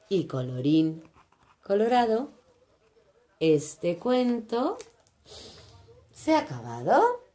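A woman from reading a children's story aloud in an expressive, animated way. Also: sits low.

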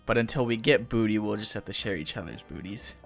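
A man's voice: lowish voice, quick pace, gravelly, soft background music. A man hosting a gaming video, joking and giggling through casual banter.

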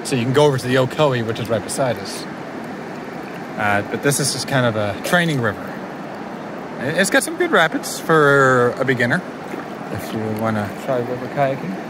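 A man's voice: medium pitch, very animated, normal speed, noisy background. A man casually narrating a vlog from a kayak on a river, rambling with restarts and fillers. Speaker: vlogger. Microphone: handheld camera.

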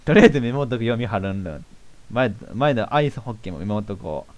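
A man with a commenting on a game as he plays, reacting loudly and thinking aloud. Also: fairly low pitch, lively intonation, fast talker. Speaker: game streamer. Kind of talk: let's play commentary. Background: game organ music.

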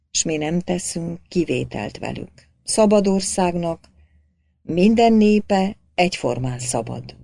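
Woman doing a solemn nobleman, composed, low gravelly tone, dry sound. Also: mellow, dry recording. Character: calm male nobleman official, solemn and measured.

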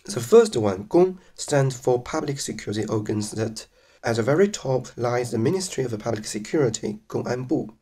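Narrating slides about legal procedure, a man from mainland China speaks with a Chinese accent as a native Chinese speaker, careful and measured, with some restarts. His mid-range voice is animated, husky, and dark in tone.

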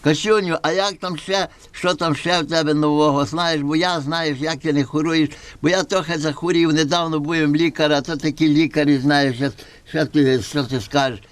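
A man's voice: a little high, fairly even intonation, moderate pace, no echo, lightly acted. A man playing a garrulous, folksy sixty-year-old villager with a Galician western Ukrainian accent in a puppet comedy. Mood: complaining. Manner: garrulous, folksy, repeating himself. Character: chatty sixty-year-old village man giving foolish homely advice. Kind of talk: folk puppet theatre comedy.

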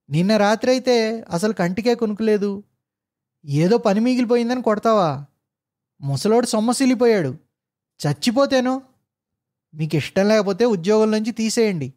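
A man voicing a fiery, righteous ex-military jeep driver who shouts indignantly. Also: on the high side, husky.

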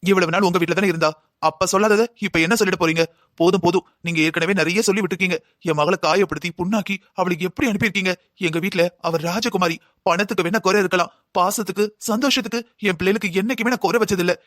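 A man's voice: sits high, fast talker, a bit bright, no room sound, studio quality. A man voicing a stern, grieving father in a cartoon drama who reproaches his son-in-law. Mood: reproachful. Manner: reproachful, accusing.

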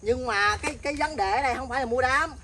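A woman's voice: high voice, fast, sharp tone, a little hiss or hum. A woman with a Southern Vietnamese Mekong Delta accent, playing a defiant grown child who argues in stammering bursts in a comic family skit. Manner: defiant, argumentative, stammering restarts. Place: outdoors in a fruit orchard.

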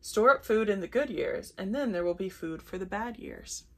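A woman's voice: medium pitch, animated, normal speed, fairly bright tone, a little hiss or hum. A woman reading the lines of young Joseph in a children's Bible story, close to her own voice. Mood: explaining. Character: young man Joseph, earnest, forgiving.

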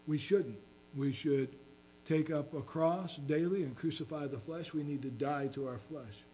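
A man's voice: fairly high pitch, measured pace, mellow, slight background noise, poor audio. A man preaching a sermon as pastor, earnestly reading scripture in King James wording.

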